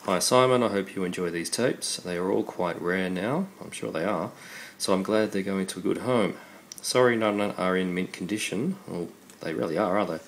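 A man's voice: sits low, moderate pace, few pauses. An Australian man hosting a casual unboxing, his voice congested from a cold, speaking in an understated, appreciative way. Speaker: video host. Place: indoors at a computer desk. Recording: steady background noise.

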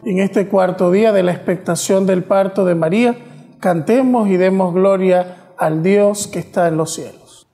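Priest, long cathedral-like echo. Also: male voice, high voice, steady tone, music in the background. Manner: measured, reverent delivery in short phrases. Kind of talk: solemn liturgical address. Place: small chapel, indoors, at the altar.

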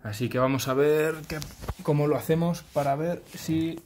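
A man's voice: fairly high pitch, steady tone, moderate pace, a little mellow, a little hiss or hum. Casual man with a Spain accent. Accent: Peninsular Spanish. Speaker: vlogger. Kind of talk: casual chat to camera. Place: room at home, indoors. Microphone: phone close to face.

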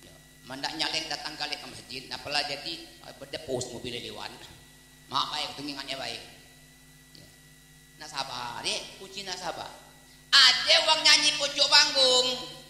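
A man's voice: on the high side, normal speed, pauses often, a little hiss or hum. A man preaching a humorous sermon in a Palembang Malay accent, telling stories and acting out dialogue. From Palembang, Indonesia. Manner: lively storytelling, mimics dialogue, breaks into song snippets. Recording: echoey hall with long reverb.

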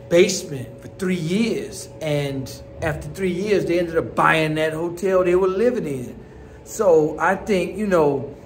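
A vlogger in his forties with a Chicago accent tours houses and bars, talking to a phone held at arm's length in a laid-back, slangy street style. The casual tour moves through various spots, including a car, a bar and indoor settings. His voice is fairly high-pitched, with a little hiss or hum.

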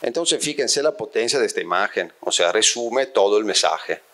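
Deep-voiced Italian man lecturing. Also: animated, normal speed, a bit bright. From Italy. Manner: frequent checking questions to the audience, thinking aloud. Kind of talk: university-style lecture to a live audience. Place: small lecture room with bookshelves and projector. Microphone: handheld microphone.

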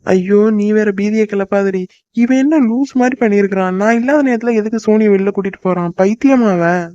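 Man as a fretful cartoon husband, quick mid-pitch patter, muffled lo-fi recording. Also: a little mellow, no echo, lightly acted. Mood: alarmed. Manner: fast, scolding then soothing. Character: young husband, fretful but soothing.

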